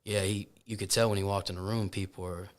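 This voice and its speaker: A man's voice: lowish voice, level tone, quick pace. A man from Florida, a podcast guest, talking in an easygoing way, often repeating words as he thinks and tossing in "man". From Florida, USA. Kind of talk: casual interview chat.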